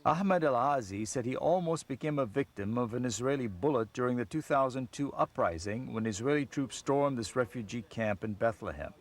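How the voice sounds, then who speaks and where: A man narrates a documentary in an even, measured voice-over. His pitch sits in a middle range, neither high nor low, and he keeps his delivery steady. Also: a little hiss or hum. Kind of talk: scripted narration.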